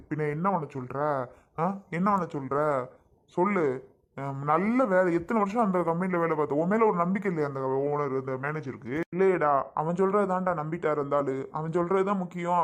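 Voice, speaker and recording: Pouring out his troubles in a pleading, complaining tone, a high-voiced man acts the part of a family man down on his luck in a brief drama skit. His voice is close to an everyday one.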